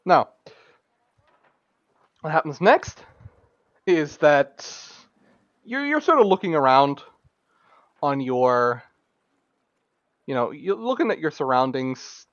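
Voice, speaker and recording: Brief: male game master, slow and rambling, lively high-ish voice; dull, dry lo-fi mic. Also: no echo. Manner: rambling, hesitant, full of fillers. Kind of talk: narrating a tabletop game.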